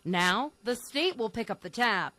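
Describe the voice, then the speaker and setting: A woman TV reporter, narrating a news story in a crisp, neutral way. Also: a little high, lively intonation, unhurried, sharp tone, a little hiss or hum.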